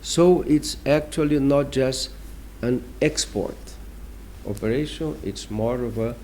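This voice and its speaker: A man with a Brazilian accent answering interview questions as a diplomat, explaining deliberately and emphatically with pauses. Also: mid-range voice, darkish tone, a little hiss or hum, rough recording. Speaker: ambassador giving an interview.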